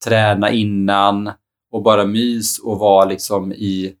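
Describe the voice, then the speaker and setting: Low-voiced relaxed man. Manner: relaxed, chatty, many fillers like "liksom" and "typ". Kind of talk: casual chat.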